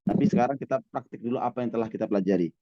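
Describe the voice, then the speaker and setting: A man leading an Arabic grammar class, speaking at a patient, drawn-out pace with pauses and fillers. The sound is dry and a little dull, with almost no room echo. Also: mid-range voice. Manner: patient, drawn-out teaching cadence with frequent fillers. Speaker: Arabic teacher. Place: mosque classroom with online students.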